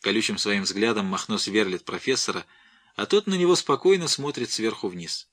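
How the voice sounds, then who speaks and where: A man narrating an audiobook in an expressive, dramatic reading voice. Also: on the low side, normal speed, breathy edge.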